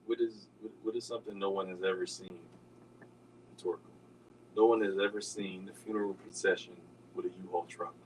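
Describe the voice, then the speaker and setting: An older man hosting a radio talk show, telling stories in a raspy, easygoing way. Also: low voice, steady tone, a little fast, recorded from a distance, a little hiss or hum, poor audio.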